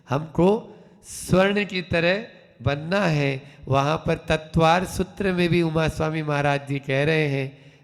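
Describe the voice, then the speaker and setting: A man, a Jain monk, giving a sermon slowly, repeating key phrases in a rhythmic, emphatic way. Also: on the high side, creaky. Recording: hall with long reverb.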